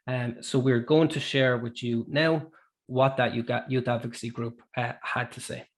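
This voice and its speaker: A man with an Irish accent presenting a webinar in an informal, halting explanatory style. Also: mid-range voice, level tone.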